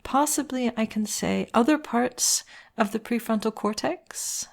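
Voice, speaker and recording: Woman, writing lesson, walks through edits, asks and answers her own questions, light fry. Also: a little high, a little slow. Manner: explains step by step, asking herself questions then answering. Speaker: writing teacher. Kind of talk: walkthrough editing lesson.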